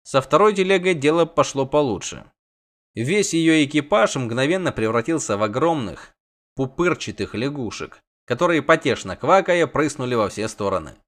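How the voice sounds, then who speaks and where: A man narrates a fantasy audiobook at a medium pitch. He keeps an even, steady storytelling pace. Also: normal speed. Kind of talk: scripted narration.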